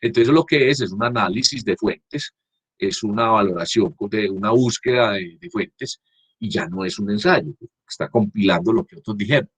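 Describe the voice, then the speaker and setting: A man giving a class lecture over a video call. He talks haltingly, restarts often, and keeps checking that students follow. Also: fairly low pitch, husky, no echo. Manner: halting, frequent restarts, checks understanding with "¿cierto?". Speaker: university teacher. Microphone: computer mic on a video call.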